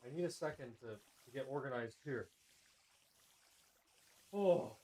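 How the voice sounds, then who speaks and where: A man's voice: mid-range voice, measured pace, darkish tone. A man streaming a game, chatting casually with his chat and eating a meal at his close desk mic. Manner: chatty, eats on mic while talking to chat.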